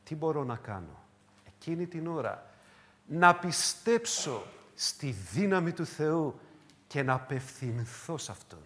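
A man preaching a sermon, swinging between loud cries and hushed low phrases, with repeated emphatic questions. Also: lively intonation. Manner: repetitive, emphatic rhetorical questions.

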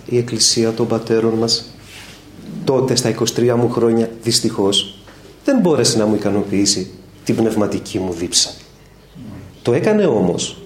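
At a Bible study, a middle-aged evangelical preacher with a medium-pitched voice tells stories that include quoted dialogue and puts questions to his listeners. The room is echoey with faint ambience, and there's a little hiss or hum.

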